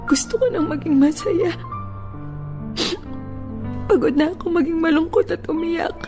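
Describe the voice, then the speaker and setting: With an extremely high voice and a slightly slow pace, an actress voices a grieving young woman in a Filipino radio romance drama. Speaking with a Filipino accent over background music, she pleads tenderly and with heartfelt emotion as a character torn about whether to love again.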